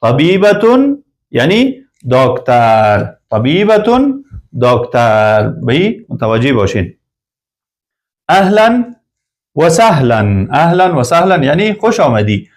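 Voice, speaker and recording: A man teaching Arabic vocabulary, slowly repeating each word twice for his students. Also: medium pitch, sing-song. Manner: slow and repetitive, saying each word twice. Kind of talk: classroom lesson explaining vocabulary.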